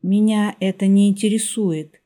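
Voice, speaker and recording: A woman voicing a gaunt, hooded male shopkeeper who speaks in a quiet, breathy half-whisper with an aloof, formal manner. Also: mid-range voice, fairly even intonation, moderate pace, lightly acted. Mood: curt.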